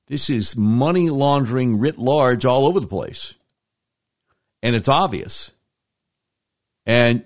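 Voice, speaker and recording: An American man hosts political talk with a very lively, swooping pitch. He takes his time, drawing words out for emphasis in conversational commentary. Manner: emphatic, drawn-out delivery with deliberate repetition. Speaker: political talk show host.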